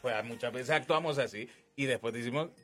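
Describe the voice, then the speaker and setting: Over background music, a priest in his twenties talks informally about religion, emphatically repeating phrases to explain his ideas. His mid-range voice moves briskly and has a sharp tone.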